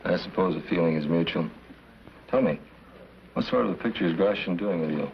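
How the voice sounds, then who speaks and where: An actor playing a cool, mercenary rancher man in debt, smooth and offhand. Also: deep voice, fairly quick. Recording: dull 1950s TV soundtrack with faint hiss.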